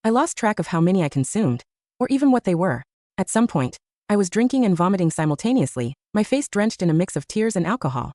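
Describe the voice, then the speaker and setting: A woman narrating a first-person romance audiobook story in an expressive storytelling manner. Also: mid-range voice, quick pace, dry recording, studio quality.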